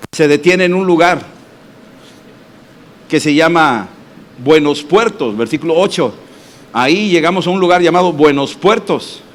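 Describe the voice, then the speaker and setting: A man, a pastor, preaching a sermon and telling personal testimonies in an animated way with acted voices and sound effects. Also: fairly high pitch. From Mexico. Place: church congress hall.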